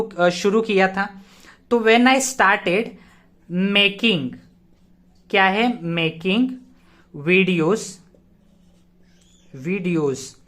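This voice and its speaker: Male tutor with a fairly high voice, patient and repetitive, checks in with rhetorical questions and spells words letter by letter. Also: a bit bright. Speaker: teacher. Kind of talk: grammar lesson explained step by step.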